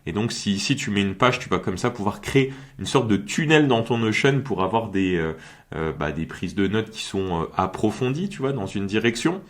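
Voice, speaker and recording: A man talking casually through a screen-share software tutorial, chatty and full of fillers and quick check-ins with the viewer. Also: fairly low pitch, expressive. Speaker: magician and course creator.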